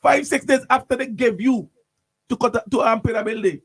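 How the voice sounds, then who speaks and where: A man's voice: very high-pitched, moderate pace, slightly rough, dry recording. A man hosting morning radio talk, ranting animatedly with lots of repeats and restarts in a studio. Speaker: radio host.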